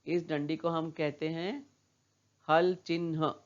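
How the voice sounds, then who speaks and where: Slow, patient woman teaching small children. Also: sits low, little pitch movement, dull audio. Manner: patient, repeats words and asks questions back to children. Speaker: primary school teacher. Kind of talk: slow classroom lesson for young children.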